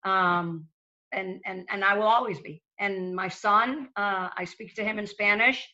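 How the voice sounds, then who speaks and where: A little slow, with a medium pitch and a bright, forceful tone, the Venezuelan panel guest speaks earnestly. She is middle-aged, lends to small businesses, and repeats words when opening sentences, heard in dull lo-fi sound.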